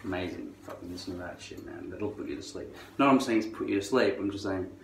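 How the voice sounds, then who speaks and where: A man's voice: low-pitched, fast talker, vocal fry. A middle-aged man delivering a rambling, sardonic and profane monologue, drawing out words and then leaning hard on others. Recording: distant mic, roomy echo, faint noise.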